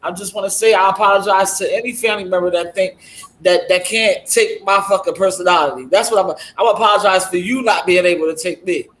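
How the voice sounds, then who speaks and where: A woman's voice: fairly low pitch, brisk, a bit bright. A woman co-hosting a casual podcast chat, blunt, profane and emphatic, sometimes raising her voice. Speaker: guest co-host. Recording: roomy echo.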